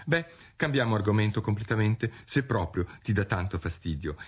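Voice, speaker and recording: A man's voice: on the low side, lively intonation, moderate pace, breathy edge, voice pushed up. A man voicing Alice, a chatty, well-meaning young girl who talks eagerly and soothingly, in a dull radio recording of a storybook reading.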